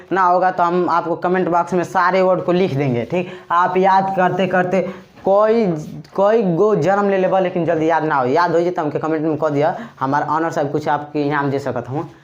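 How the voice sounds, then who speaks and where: A man teaching a casual grammar lesson in a chatty, joking way, with a Bhojpuri-tinged Hindi accent. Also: sits high. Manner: chatty, joking, addresses viewers as brothers. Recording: slightly dull lo-fi recording.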